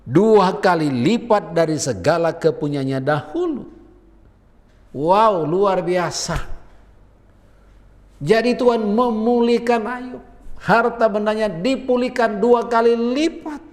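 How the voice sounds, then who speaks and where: Male pastor, fairly high voice, unhurried delivery, casual preaching style, church hall reverb. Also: a little mellow. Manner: conversational preaching with colloquial asides. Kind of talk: sermon.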